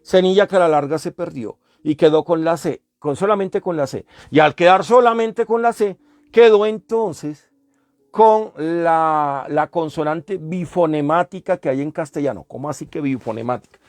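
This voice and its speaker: A man's voice: fairly high pitch, normal speed, a little mellow, dry recording. Man giving a classroom lecture. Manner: explanatory, repeats sounds and asks the class questions. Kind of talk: classroom lecture on language history.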